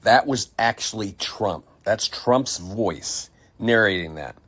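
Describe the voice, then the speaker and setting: A man's voice: fairly low pitch, expressive, slow, over loud music. A man giving casual commentary on clips, talking loosely to his viewers. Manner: loose, chatty, addressing viewers. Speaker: video commentator.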